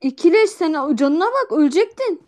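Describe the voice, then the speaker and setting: A woman's voice: very high voice, big pitch swings, brisk, darkish tone, a little hiss or hum. A woman co-player teasing her partner playfully in casual chat during a game.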